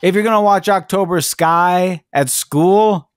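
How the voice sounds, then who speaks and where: A young man co-hosting a casual podcast chat, joking and slipping into high mocking voices. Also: measured pace, clear, resonant tone, no room sound, clean studio sound. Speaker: podcast co-host.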